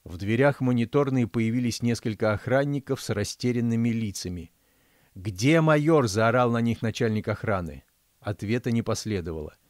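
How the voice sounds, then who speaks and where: A man, the author, reading his fairy-tale audiobook in a measured, storytelling manner. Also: fairly low pitch, a little mellow, no echo, clean studio sound. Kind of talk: audiobook narration.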